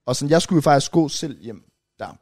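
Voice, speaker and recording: A young man casually retelling a long night out on a podcast, rambling and animated with many restarts. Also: a little high, dry recording, studio quality. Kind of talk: casual storytelling chat.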